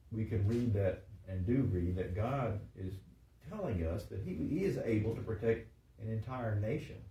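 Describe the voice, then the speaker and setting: A man preaching a sermon, reading scripture aloud with rising emphasis and halting restarts. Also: on the low side, dark tone, reverberant, distant mic, lo-fi sound, slight background noise. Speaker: pastor. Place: church sanctuary.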